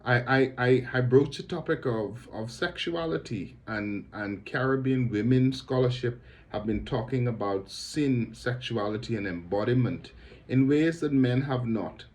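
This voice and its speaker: Talking to camera about his work, a Bahamian theologian and lecturer in middle age chooses his words with care, sometimes repeating them as he gropes for the next one. His pitch is medium.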